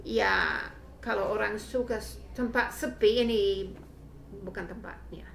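A middle-aged woman from Australia speaking as a foreigner with an Australian accent, halting as she searches for words in a casual family interview. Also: medium pitch, vocal fry. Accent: foreign, Australian-accented Indonesian. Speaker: interviewee, mother of the host. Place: small home room indoors, camera mic a few metres away. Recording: echoey room with background noise.

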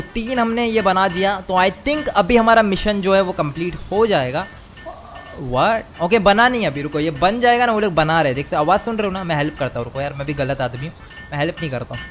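An excitable young man narrates his gameplay as a streamer in a high, bright-pitched voice. He repeats words in rapid bursts and mixes English into his Hindi. Faint game music plays underneath. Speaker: gaming streamer. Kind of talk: live gameplay commentary.

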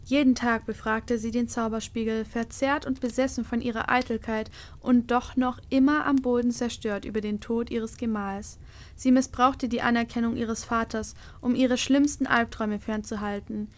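Woman reading a storybook aloud. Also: on the high side. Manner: calm, expressive storytelling. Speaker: audiobook reader. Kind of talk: storybook narration.

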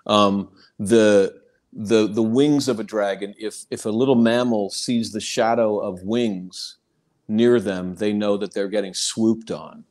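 A man with a fairly low voice talks thoughtfully as a livestream guest. He searches for his words and stumbles through small restarts as he goes. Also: fairly even intonation, a little slow, darkish tone. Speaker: audiobook narrator and actor. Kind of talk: casual livestream chat.

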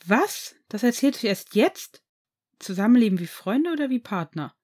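A woman reading aloud as an excitable teenage boy, asking eager, lively questions. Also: fairly high pitch, brisk, slightly rough, voice pushed up. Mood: excited.

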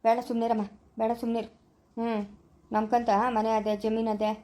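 A woman's voice: a little high, completely flat delivery, a little fast, mellow, lightly acted. A woman playing a stubborn young male farmer and father in a rural family drama. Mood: insistent.

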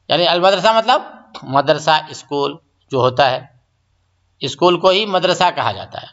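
Slow, bright-voiced male language teacher. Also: high-pitched, muffled recording. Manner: patient, repeats each phrase and explains step by step. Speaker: Arabic teacher. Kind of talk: recorded grammar lesson.

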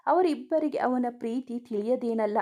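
Mellow-voiced woman narrating a story. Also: on the high side, normal speed. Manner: reads all characters' dialogue in her own voice. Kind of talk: scripted story narration with dialogue.

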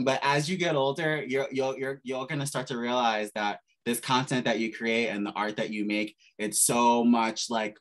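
A man hosting a casual interview, talking in an effusive, emphatic way full of gushing praise. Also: on the low side. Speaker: host. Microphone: studio mic.

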